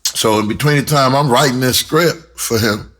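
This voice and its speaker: Telling his story with a moderate pace, the middle-aged American rapper and writer has a mid-range, fairly bright voice, with a little hiss or hum in the recording. He's casual and frank, swears a lot, and repeats words for emphasis.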